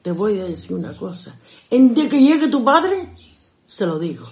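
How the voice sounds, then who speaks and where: A woman's voice: lowish voice, a little fast, vocal fry, mellow. Older woman acting out a stern scolding mother. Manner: scolding, insistent. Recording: roomy echo.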